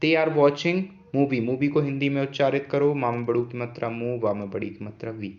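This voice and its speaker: A man's voice: medium pitch, level tone, moderate pace. A man who teaches English grammar patiently and often repeats key points as questions for the students. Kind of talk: explaining an English grammar lesson. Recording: dull lo-fi sound.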